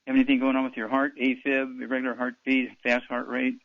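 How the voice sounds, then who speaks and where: A man's voice: medium pitch, completely flat delivery, fast, gravelly, dry recording, narrow, tinny audio. A man hosting a call-in radio advice show, blunt and dismissive, often interrupting callers. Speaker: radio talk show host.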